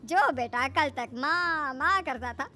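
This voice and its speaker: A woman's voice: sits high, takes it slowly, pushed and bright, heavily acted. A woman voicing a strict, jealous old mother-in-law in a cartoon, with a scolding, domineering manner. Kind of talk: cartoon voice acting.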